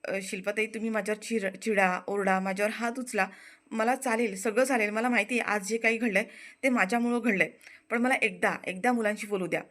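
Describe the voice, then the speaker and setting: A woman's voice: medium pitch, steady tone, fairly quick, fairly bright tone, lightly acted. A woman voicing a remorseful young woman who pleads earnestly. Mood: pleading.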